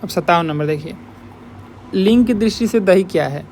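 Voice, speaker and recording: This Hindi exam tutor has a high but darkish voice and speaks at a moderate pace, with a little hiss or hum on the recording. He walks through test questions one step at a time, restating what students should remember.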